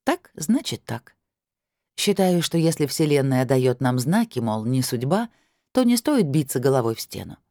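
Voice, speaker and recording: A calm, measured audiobook reader tells a first-person story with dry irony. The voice is mellow and dark, sits at a middle pitch, and is recorded close and dry. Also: no echo. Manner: calm, measured, dryly ironic.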